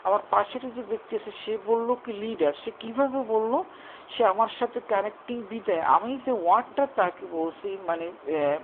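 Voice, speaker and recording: A woman speaks straight to her viewers in a loose, rambling monologue, often breaking off and starting again as she hunts for the right word. Her voice sits at an ordinary middle pitch. The sound is thin and phone-like, with a faint hiss underneath. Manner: rambling, searching for words with many restarts. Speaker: speaker explaining a personal theory. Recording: tinny phone-like audio with faint noise.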